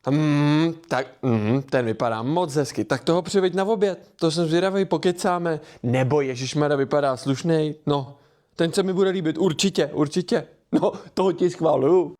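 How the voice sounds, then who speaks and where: A gruff, low-voiced dad, acted by a man, who mumbles and rumbles well below the speaker's own range. He sounds soft with his daughter and blunt with his son. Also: natural voice. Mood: doting.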